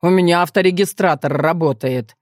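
A woman voicing a blunt, cheerful young male athlete who teases in a deadpan, rough way. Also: fairly low pitch, brisk, dry recording, clean studio sound, natural voice. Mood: teasing.

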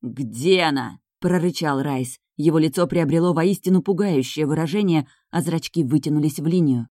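A woman narrating a first-person audiobook with expressive character reading. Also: sits low, a little fast, no echo, studio quality.

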